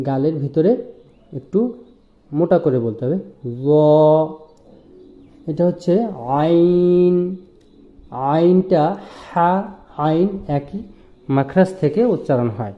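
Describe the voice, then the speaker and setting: A man teaching Quranic letter pronunciation in a slow, patient lesson, drawing out each sound as he demonstrates it. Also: on the high side. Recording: roomy, dull lo-fi sound.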